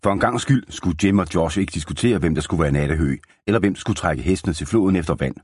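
A man narrating an audiobook in a steady storytelling manner. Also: low voice, husky, no echo. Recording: dry close studio sound.

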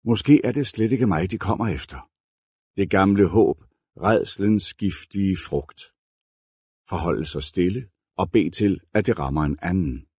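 Low, dark-voiced male narrator. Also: breathy edge, no echo, studio quality. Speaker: audiobook narrator. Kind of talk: scripted narration.

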